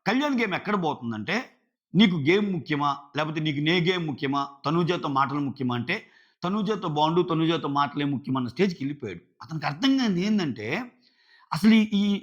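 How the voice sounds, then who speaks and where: A man, talking in a slightly high voice, reviews a show in loose casual commentary. He keeps slipping into quoted lines from the people he discusses. The sound is dull and lo-fi. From India. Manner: animated, acts out quotes of others.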